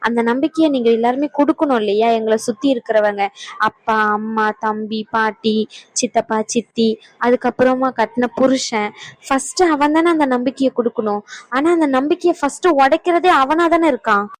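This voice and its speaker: An actress playing a troubled young married woman who speaks softly and earnestly. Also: on the high side, a little fast, no echo, natural voice, low-quality recording. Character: sad young married woman, hurt and doubting. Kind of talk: family drama acting.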